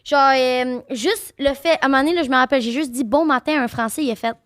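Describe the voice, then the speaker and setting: A woman from Quebec with a Québécois French accent, telling stories as a podcast guest, lively and full of fillers. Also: high-pitched, fast talker, no room sound, studio quality. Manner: animated storytelling, lots of fillers. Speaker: guest streamer. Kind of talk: casual podcast chat.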